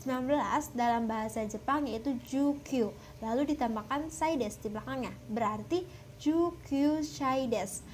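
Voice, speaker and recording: A young woman from West Java explaining a language lesson, often pausing with filler sounds. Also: sits high, a little mellow, slight background noise. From West Java, Indonesia. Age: young adult. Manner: hesitant, many filler sounds. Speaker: language teacher.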